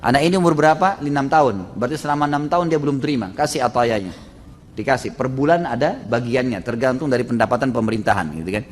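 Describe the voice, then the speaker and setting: A man's voice: medium pitch, fast talker. A male preacher telling a religious story in a casual style, often ending phrases with tag fillers. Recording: reverberant hall.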